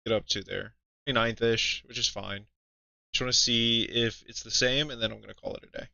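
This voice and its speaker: A man's voice: medium pitch, steady tone, a little fast, creaky, bright, forceful tone, no room sound. A man giving casual, offhand commentary while playing a racing game, thinking aloud. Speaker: gamer playing a racing simulator. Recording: dull, slightly lo-fi sound.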